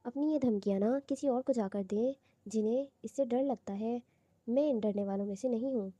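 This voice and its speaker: A woman voicing a stubborn, sharp-tongued young wife who answers back with quick, defiant retorts. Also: a little high, dry recording, muffled recording, close to an everyday voice.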